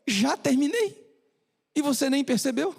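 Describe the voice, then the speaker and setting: A man voicing a kind, experienced country doctor who coaxes a child gently and drawls his words, in a reverberant church hall. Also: extremely high pitch, expressive, vocal fry, voice pushed up, heavily acted. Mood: coaxing. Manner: gentle coaxing tone, drawn-out "uai". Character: kind experienced male doctor from Minas, folksy.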